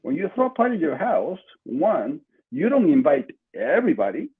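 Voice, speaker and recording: His voice sits a little high and swings hugely in pitch, breathy-edged and at a moderate pace: an older Peruvian Spanish-accented man from Lima, Peru. A marketing entrepreneur guesting on a podcast, he talks conversationally with emphatic repetition over a video call from a small home room, where a desk-distance computer mic gives muffled, lo-fi sound.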